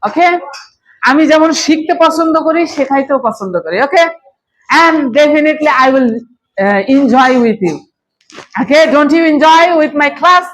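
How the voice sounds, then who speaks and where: Over poor audio, this Bangladeshi-accented teacher leads her children's spoken English lesson in a high-pitched, animated but slow voice. She coaxes the class, blends Bengali and English, and keeps checking "okay?"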